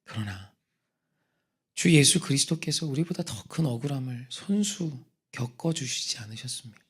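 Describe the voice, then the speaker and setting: A man preaching a sermon, telling a personal story in a husky voice that drops to hushed whispers and rises to loud emphatic outbursts. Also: a little high, normal speed. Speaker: pastor. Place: church sanctuary.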